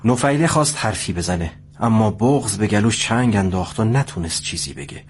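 Male narrator, steady storytelling. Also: on the low side, breathy edge. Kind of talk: scripted narration.

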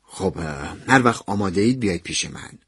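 Brief: a kindly older professor, soft and probing, husky tone, read by a male narrator. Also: deep voice, expressive, no room sound, studio quality, pitched below the performer's own voice, exaggerated voice. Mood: gentle, probing. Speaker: university professor. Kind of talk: radio drama narration.

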